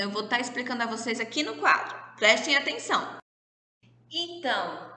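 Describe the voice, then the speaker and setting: A woman teaching small children in a clear, bright voice. She speaks slowly and sounds out each syllable. The recording is very echoey, with a long reverb. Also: on the high side. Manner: slow, sounds out syllables, drawn-out stressed words. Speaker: kindergarten teacher. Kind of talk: recorded remote lesson for young children. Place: classroom with whiteboard.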